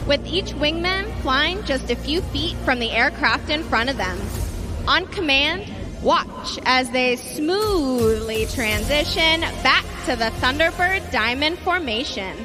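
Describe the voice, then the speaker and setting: High-voiced woman doing airshow commentary over music. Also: animated. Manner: announcer-style, measured and dramatic delivery. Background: loud music.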